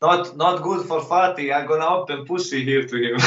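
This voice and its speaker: A man who is not a native speaker, boasting cockily in halting, broken phrasing during a casual fight interview. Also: a little high, noisy background. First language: not English. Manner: cocky, boastful. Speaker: MMA fighter being interviewed. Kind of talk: casual pre-fight interview trash talk. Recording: dull, echoey, distant call-like sound.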